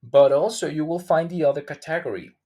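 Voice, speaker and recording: A man's voice: fairly high pitch, brisk, mellow. A man teaching a language lesson who repeats each phrase several times, checks in with "okay?", and makes small grammar slips in English. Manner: speaks English with non-native grammar slips. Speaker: Spanish teacher.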